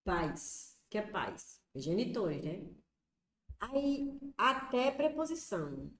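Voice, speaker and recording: A Brazilian woman teaching an exam prep class in a voice of ordinary pitch for a woman. She walks through each point step by step and puts questions to herself before answering them. The room gives her voice a clear echo. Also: very animated, slow pace, a little hiss or hum. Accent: Brazilian Portuguese.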